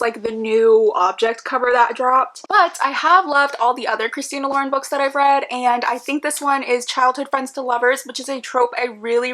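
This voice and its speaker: Young woman, book vlogger, casual chat, bright voice, slightly high, filler-heavy. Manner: chatty, gushing, lots of "like" fillers. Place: home room with book cart.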